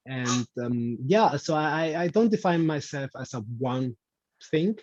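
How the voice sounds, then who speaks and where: A man's voice: medium pitch, expressive, measured pace, darkish tone, no room sound, highs cut off. A man from Spain, a guest on an interview show, speaking casually with many restarts and fillers. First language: Spanish. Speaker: podcast guest.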